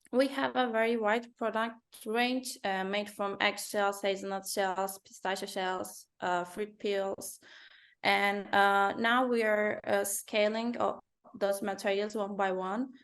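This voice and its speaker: A woman from Turkey, a company founder and designer, answering interview questions in careful English with many pauses and fillers. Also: medium pitch, steady tone. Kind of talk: business interview.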